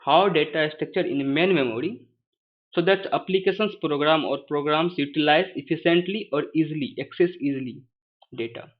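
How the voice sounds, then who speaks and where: A man with a thick Hindi accent gives an informal lesson in hesitant, halting English, often repeating words and phrases. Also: fairly high pitch, narrow, tinny audio. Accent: thick Indian (Hindi). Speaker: first-time tutorial presenter.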